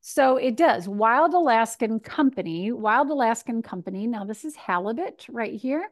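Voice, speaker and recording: A woman in her fifties from Michigan, a nutrition speaker answering questions in a chatty, animated way over a video call from her home kitchen. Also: a little high, moderate pace. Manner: chatty and animated, gesturing, acts out her own thoughts. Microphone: video call webcam.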